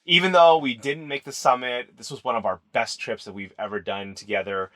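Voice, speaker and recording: A man's voice: medium pitch, steady tone, a little fast. A young adult man co-hosting a travel vlog, telling the story plainly and easily. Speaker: vlog co-host. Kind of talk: casual vlog narration. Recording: voice with loud background music.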